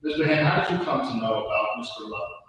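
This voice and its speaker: A quick-talking male attorney questions a witness in a brisk, formal way. It is a courtroom recording, with the voice caught far from the mic and ringing with long room echo over faint background noise. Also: mid-range voice, animated, fairly bright tone. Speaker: prosecuting attorney.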